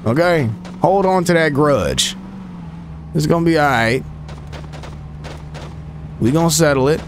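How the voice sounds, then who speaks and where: A young man swearing, trash-talking and shouting at characters while commentating his gameplay. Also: a little high, animated, unhurried, noisy background. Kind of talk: profane running commentary over gameplay.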